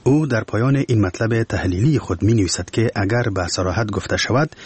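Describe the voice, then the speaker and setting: A man with an Afghan Dari accent reading a press review in a measured, formal newsreader style. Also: fairly low pitch, a little mellow, slightly rough. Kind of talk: scripted news reading. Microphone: studio microphone.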